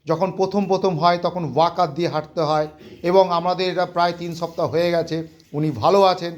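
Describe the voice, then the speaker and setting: A man with a fairly high voice works as a physiotherapist and walks a patient through rehab exercises. He calls out short commands and counts the reps aloud. He drops English medical terms in as he explains. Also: flat delivery, fast talker. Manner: mixes English medical terms into his speech. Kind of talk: instructional demonstration with a patient.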